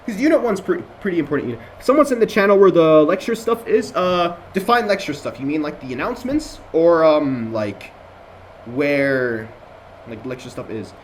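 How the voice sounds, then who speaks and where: During a casual online review session over a voice call, a student lecturer, a young man from Jordan with an American accent, rambles in a chatty way, stopping and restarting with many fillers. He sounds animated, with a fairly high pitch and a moderate pace. A little hiss or hum comes through his computer mic.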